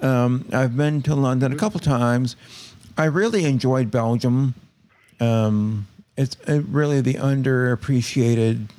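A man's voice: medium pitch, darkish tone. A man co-hosting a call-in show, easygoing and meandering in his talk. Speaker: co-host. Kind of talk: casual chat.

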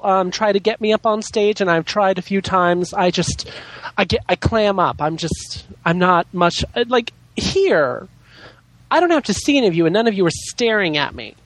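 A man's voice: sits high, animated, moderate pace, a bit bright, dry recording, low-quality recording. A man chatting casually as a podcast guest, with a campy drag-queen delivery and exaggerated, theatrical inflections. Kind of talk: casual chat.

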